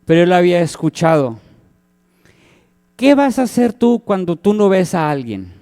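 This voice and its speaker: High-voiced man preaching a dramatic sermon. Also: sing-song, normal speed, mellow. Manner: dramatic preaching, acts out cries and quoted voices. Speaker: pastor.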